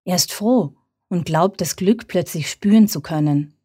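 A woman narrating a children's bedtime story in a calm, measured way. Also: on the low side, breathy edge, dry recording, studio quality.

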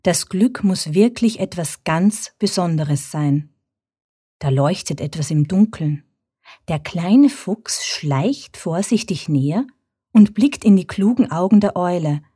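Woman storyteller, bedtime story, slow and mellow, dry close sound. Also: on the low side, slightly rough, dry recording. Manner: calm, measured.

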